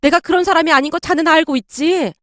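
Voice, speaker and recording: A woman's voice: extremely high pitch, fast, a bit bright, no room sound. Woman playing old widowed grandmother, bewildered, indignant protests, dry close sound.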